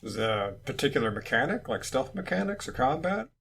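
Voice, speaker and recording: A man co-hosting a podcast, chiming in with short quick reactions and questions. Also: mid-range voice, sing-song, creaky, fairly bright tone, slight background noise. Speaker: podcast co-host. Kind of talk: casual chat.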